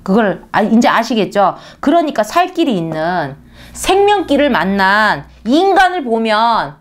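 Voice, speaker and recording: A woman preaching a sermon in a conversational way, often asking her listeners rhetorical questions. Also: measured pace. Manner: animated, pitch leaps for emphasis.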